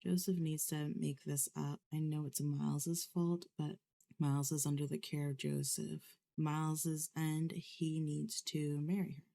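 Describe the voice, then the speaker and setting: A woman's voice: deep voice, level tone, a little slow, gravelly, warm tone. A woman giving let's play commentary on a life-simulation game, telling its story with dramatic exasperation.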